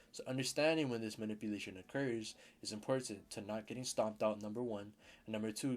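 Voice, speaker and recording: A man teaching a casual trading lesson as a mentor, blunt, swearing now and then and repeating key terms. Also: lowish voice.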